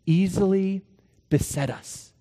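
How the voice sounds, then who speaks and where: A man's voice: high-pitched, slow pace. Man preaching in a reverberant hall. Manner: animated storytelling with acted dialogue. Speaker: pastor. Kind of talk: sermon.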